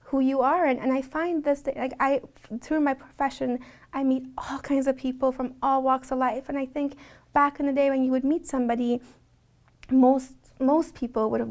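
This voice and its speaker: High-voiced woman, earnest interview. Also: darkish tone. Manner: earnest, conversational, with frequent restarts. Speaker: interviewee in an immigration documentary. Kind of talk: reflective documentary interview.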